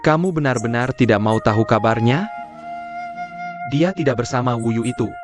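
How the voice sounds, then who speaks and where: A man voicing a reassuring young younger brother in a dubbed drama series, speaking in an even tone, with music behind him. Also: mid-range voice, normal speed, natural voice. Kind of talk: Indonesian dub of a drama series. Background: background music.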